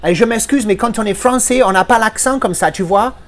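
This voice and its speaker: Man, high-pitched, native French speaker, casual film review, ranting, swearing, stumbling restarts. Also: fairly quick.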